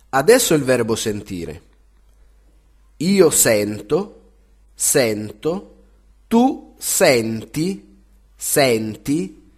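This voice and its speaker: A man teaching a language lesson, saying each verb form twice with careful, clear enunciation. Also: medium pitch. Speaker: Italian teacher. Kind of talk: slow, deliberate language lesson.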